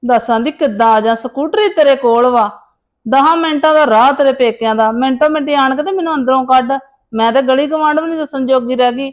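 A woman with a fairly high voice close to an everyday one plays a fretful, grumbling, demanding mother-in-law in a family drama. The clip has dramatic monologue and phone dialogue from a family serial.

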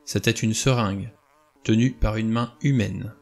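A man's voice: fairly low pitch, fairly even intonation, unhurried, gravelly. A grim middle-aged doctor speaks in a somber tone, close to the reader's own voice and shaky under suspicion. A man puts him on while reading the novel aloud. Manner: grim, unsteady under pressure.

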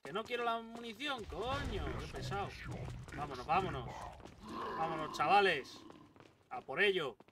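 Excitable, swearing man playing a game. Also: sits high, moderate pace, pauses often. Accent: Spain Spanish. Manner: excitable, swears and shouts at enemies; jokey running chatter. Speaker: gameplay commentator. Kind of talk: casual gameplay commentary. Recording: distant mic with loud game gunfire behind.

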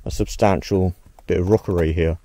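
A man with a low, mellow voice wanders through an old ruin, thinking aloud as he goes. His curious, casual narration drifts from one find to the next. He is recorded outdoors on a handheld camera. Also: steady tone, moderate pace, no echo. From Australia. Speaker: exploration vlogger. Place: outdoors at a ruined house.

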